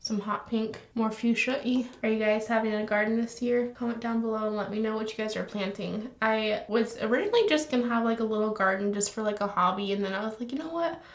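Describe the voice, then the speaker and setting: A woman's voice: fairly high pitch, flat delivery, brisk, few pauses. Chatty woman in an echoey room. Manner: chatty, rambling, trails off into soft whispered asides. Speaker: beauty vlogger. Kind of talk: casual makeup tutorial chat. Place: home room.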